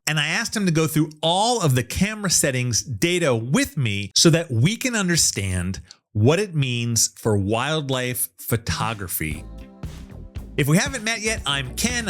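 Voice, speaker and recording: A man hosting a casual interview with a lively, bouncing delivery. He talks with obvious enthusiasm and chatty energy, his pitch moving a lot as he goes. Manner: enthusiastic, chatty, data-minded. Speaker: host.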